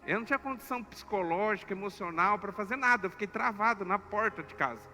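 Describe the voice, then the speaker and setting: Emotional pastor telling a story. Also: male voice, sits high, fast, a little hiss or hum. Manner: emotional and animated, acting out the story. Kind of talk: sermon storytelling. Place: church. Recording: echoey church hall with soft music.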